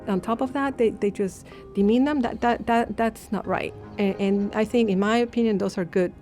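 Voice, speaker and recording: A woman speaking heartfelt and a bit halting in a documentary interview. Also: medium pitch, steady tone, darkish tone. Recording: faint music behind voice.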